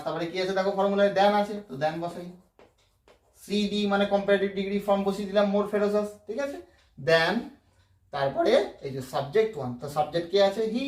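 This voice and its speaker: A man's voice: sits high, a little mellow. A man teaching English grammar, explaining step by step and often checking that his students follow. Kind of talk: Bengali-language grammar lesson. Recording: echoey room, mic at a distance.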